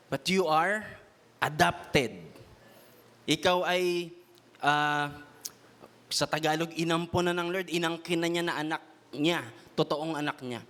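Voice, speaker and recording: A man preaching a Taglish sermon to a congregation, often tagging his lines with a questioning "no?" and slowing down to stress key phrases. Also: on the high side, fairly bright tone, smooth. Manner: repeats a questioning "no?" tag; has the congregation repeat lines to their neighbor. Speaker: youth preacher.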